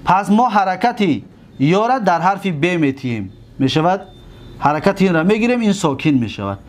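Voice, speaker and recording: Tajik-accented male teacher, high-pitched, repetitive drilling, frequent comprehension checks. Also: big pitch swings. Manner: repetitive, drills word forms syllable by syllable; checks understanding with rhetorical questions. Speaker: teacher of Arabic morphology. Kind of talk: classroom lesson.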